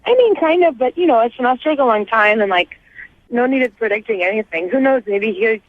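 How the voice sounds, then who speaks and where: A woman's voice: a little high, expressive, a little fast, no echo. A woman calling in to a radio show, chatting casually with lots of filler words over the phone. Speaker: caller. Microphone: telephone. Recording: tinny phone line.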